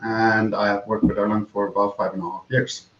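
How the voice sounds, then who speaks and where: A software engineer from the Netherlands gives a scripted conference talk, reading prepared text evenly in short listed phrases. His voice sits low. The sound is roomy and dull, with faint noise behind it. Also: level tone, a little fast. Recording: roomy, dull home recording.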